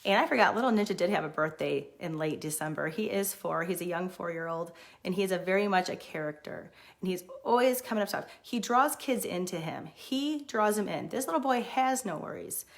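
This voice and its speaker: A middle-aged woman who runs a daycare, chatting casually and excitedly on a livestream. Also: lowish voice, brisk, creaky. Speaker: daycare owner.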